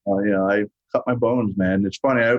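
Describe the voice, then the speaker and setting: Deep-voiced middle-aged New Yorker, Brooklyn-style accent. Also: male voice, steady tone, brisk, dry recording, muffled recording. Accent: New York. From New York, Brooklyn family, raised on Long Island. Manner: profane, streetwise, peppered with "you know" and "man". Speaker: guest, metal musician. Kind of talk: casual interview chat.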